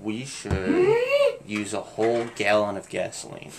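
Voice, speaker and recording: A man co-hosting a podcast, telling crude jokes deadpan and then explaining the punchlines. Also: lowish voice, a little slow, creaky, a little hiss or hum. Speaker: podcast co-host. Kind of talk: casual crude banter.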